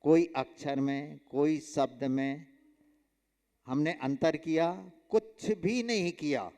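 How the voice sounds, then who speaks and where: Slow, clear-voiced man teaching in a hall. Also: a little high, a little mellow. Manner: slow, emphatic, quizzing students with rhetorical questions. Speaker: Jain monk teaching a class. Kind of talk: classroom scripture and grammar lesson. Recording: long hall reverb.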